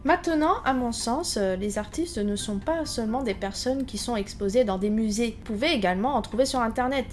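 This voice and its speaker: A female VTuber host delivers scripted commentary in a slightly high voice, sprinkling in fillers as she shares her opinions. Faint background music plays beneath her. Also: a little fast. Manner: chatty, opinionated, many fillers.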